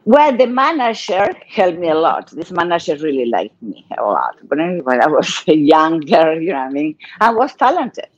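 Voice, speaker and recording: An older Argentine woman with a Spanish accent tells her story in halting English, her voice sitting fairly low. The sound is dull and dry, with no room around it. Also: no echo. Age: 60s or older. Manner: lively storyteller, halting non-native English. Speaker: guest. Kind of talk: casual interview chat.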